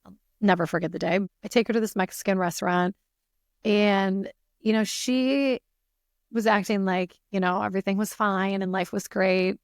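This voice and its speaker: Earnest woman with a gravelly voice. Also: mid-range voice, steady tone, normal speed, no echo, clean studio sound. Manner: earnest, frequent "you know" fillers. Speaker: podcast guest. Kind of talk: personal storytelling in an interview.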